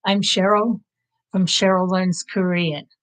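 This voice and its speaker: This language-learning channel host, a woman of fifty-nine whose first language is English, speaks a little slowly in a lowish voice with little pitch movement. Over her live-stream setup, she shares a casual update that is sincere, reflective and encouraging.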